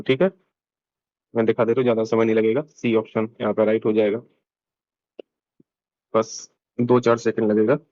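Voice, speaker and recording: A man's voice: medium pitch, no room sound. Chatty male coaching teacher, dry and dull. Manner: chatty, explains step by step, mixes English terms into Hindi. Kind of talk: casual exam-prep lecture.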